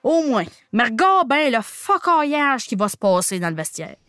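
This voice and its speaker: A woman with a Québécois accent recaps a show with slangy comic energy, sliding into a joking hockey-coach act. Her voice sits high and bright in register, recorded close and dry with no room sound. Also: normal speed, clear, resonant tone, dry recording. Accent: Québécois French. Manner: animated, slangy, playful mock hockey coach. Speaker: podcast host recapping a TV series.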